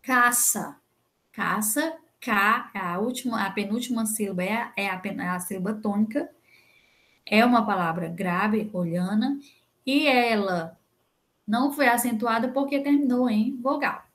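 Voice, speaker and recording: At normal speed and in a mid-range voice, a young adult woman with a Brazilian Portuguese accent teaches Spanish in a recorded online lesson. She explains the rules patiently, checking in often with "né?" and "tá?".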